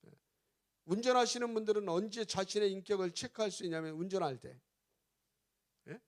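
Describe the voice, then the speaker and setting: A middle-aged male pastor preaching emphatically, questioning the congregation and rising to loud exclamations. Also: sits high, a little fast. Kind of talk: revival sermon.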